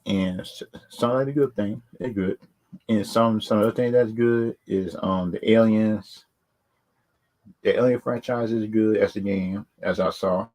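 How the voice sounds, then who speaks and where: A man hosting a video offers casual, unscripted opinions on films and games, rambling and frequently repeating words and stock phrases. His voice sits on the low side with a darkish tone, fairly even intonation, and an unhurried pace.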